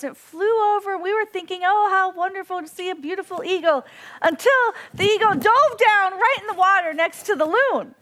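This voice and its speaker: A woman giving a devotional talk, telling a story in an earnest, animated way and imitating bird cries. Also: extremely high pitch. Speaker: devotional speaker.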